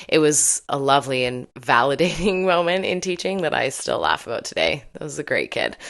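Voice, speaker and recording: A woman's voice: deep voice, fairly bright tone. A middle-aged woman hosting a podcast, telling personal stories in a candid, self-deprecating way and laughing often. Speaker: podcast host.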